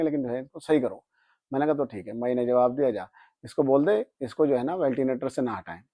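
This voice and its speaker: A man's voice: a little high, dry recording. A man telling a personal anecdote in casual speech, acting out the dialogue and raising his voice when angry. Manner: animated, acts out dialogue, voice rises when angry. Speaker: spiritual storyteller.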